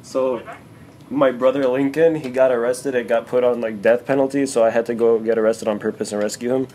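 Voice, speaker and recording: A man in his twenties plays an earnest prank caller on the phone. He speaks casually and hesitantly at a middle pitch, oversharing with many fillers. Faint noise sits in the room recording. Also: steady tone, a little fast, warm tone. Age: 20s. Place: small bare-walled room indoors. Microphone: camera a few feet away.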